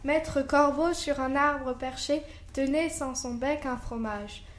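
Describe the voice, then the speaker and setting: A woman narrating a classic fable in a slow, careful recitation. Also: high voice, echoey room.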